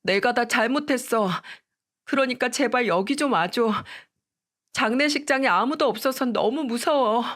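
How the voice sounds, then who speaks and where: A woman's voice: fairly high pitch, moderate pace, a bit bright, voice pushed up, close to an everyday voice. A woman doing a weeping, begging ex-wife. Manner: crying, begging. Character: tearful pleading ex-wife, desperate. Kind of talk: storytelling radio.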